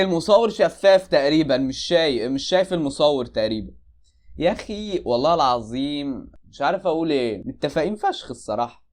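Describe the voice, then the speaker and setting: A man with an Egyptian accent giving casual, joking reaction commentary on videos, exclaiming in disbelief. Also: fairly high pitch.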